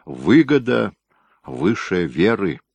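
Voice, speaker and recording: A man's voice: low voice, sing-song, takes it slowly, creaky, darkish tone, husky, dry recording, highs cut off, full character voice. A man voicing a stern, commanding tsar in a storybook reading. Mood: wry.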